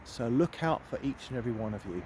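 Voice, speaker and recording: A middle-aged man talks straight to his phone while walking outdoors, earnest and emphatic, often repeating his words for emphasis. His voice sits at an ordinary middle pitch. Faint outdoor noise runs under the recording. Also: lively intonation, quick pace, darkish tone. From United Kingdom. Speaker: empowerment coach. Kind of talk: walking vlog monologue. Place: outdoors in woods.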